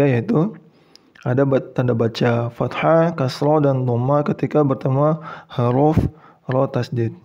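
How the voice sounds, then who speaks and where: A man teaching Quran reading step by step, with an Indonesian accent, who speaks patiently, repeats each example and chants the key words drawn out and louder. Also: medium pitch, lo-fi sound. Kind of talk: slow step-by-step tutorial.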